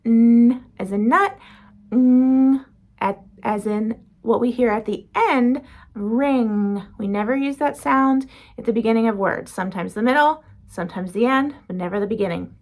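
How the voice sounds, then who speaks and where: A woman teaching beginner phonics, slowly demonstrating each speech sound and how the mouth makes it. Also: fairly high pitch, animated. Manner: slow, careful demonstrating of sounds. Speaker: reading and spelling teacher. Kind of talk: phonics lesson.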